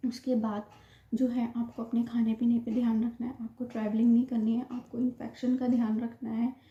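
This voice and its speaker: A woman's voice: on the high side, flat delivery, a little fast, dark tone. A young woman, slightly short of breath, earnestly giving repetitive, instructive advice in casual talk to camera. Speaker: vlogger sharing her IVF experience. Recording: roomy, dull lo-fi home recording.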